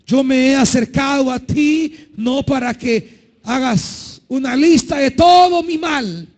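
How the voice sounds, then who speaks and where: A man preaching a sermon as pastor, impassioned, swinging between shouted pleas and low, quiet lines. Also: slow pace. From El Salvador.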